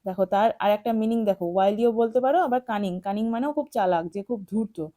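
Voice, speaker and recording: A woman teacher explaining English words to young pupils, spelling them out and repeating them slowly. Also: medium pitch, mellow.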